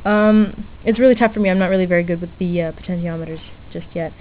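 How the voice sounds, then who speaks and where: This hobbyist presenter talks fast in a fairly low voice while casually demonstrating a DIY electronics project off the cuff. Chatty but hesitant, she frequently corrects herself, and the recording has that tinny lo-fi webcam-era quality with noise behind it.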